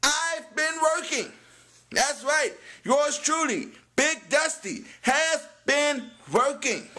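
Young male vlogger, very high for a man, bright and forceful, emphatic short phrases, casual. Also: lively intonation, slow. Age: young adult. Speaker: video creator. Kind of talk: casual vlog to camera. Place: small room at home.

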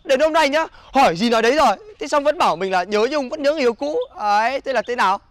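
A man's voice: extremely high pitch, animated, quick pace. An actor playing a frustrated young male student who complains in an exasperated, whiny way.

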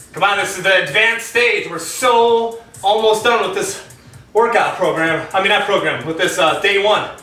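A man coaching a home kickboxing workout, energetic and encouraging, calling out moves while out of breath. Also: high-pitched. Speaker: fitness instructor. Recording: echoey room from far off, music behind.

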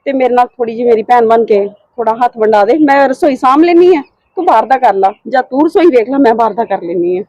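A woman playing a tired, unwell young wife who pleads and tries to calm things down in a short home drama. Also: a little high, fast talker, dry recording, dull audio. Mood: pleading. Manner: pleading, placating. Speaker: sister-in-law character. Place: home, indoors.

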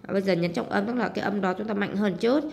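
A teacher with a Southern Vietnamese accent walks through homework step by step, translating English words and adding sentence-end particles. Her mid-range voice is fast, creaky and a little mellow, with a slight hiss or hum.

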